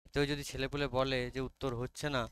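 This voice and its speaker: In a mid-range, slightly bright, clear and resonant voice with completely flat delivery, a Bengali-accented man teaches an online class. He explains an English text line by line, coaxes students, checks their understanding again and again and reads the English very slowly.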